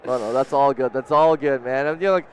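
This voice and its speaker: A man's voice: mid-range voice, quick pace, slight background noise. A man commentating a live fighting-game tournament, laid-back and hyped, full of "man" and "you know". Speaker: esports commentator.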